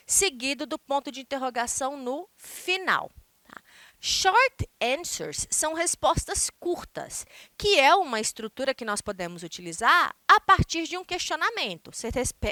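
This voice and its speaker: High, lively Brazilian woman teaching. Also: no room sound. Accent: Brazilian Portuguese. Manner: explains step by step, ending points with "tá?"; reads English examples slowly and clearly. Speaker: English teacher. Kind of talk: recorded grammar lesson.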